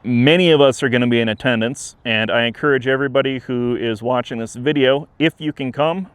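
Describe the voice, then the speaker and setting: A man speaking in an earnest, measured, plain-spoken way, giving an informal update to camera as a museum director outdoors. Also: medium pitch, clear, resonant tone, no echo. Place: outdoors beside a trail, with traffic and wind. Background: traffic and wind.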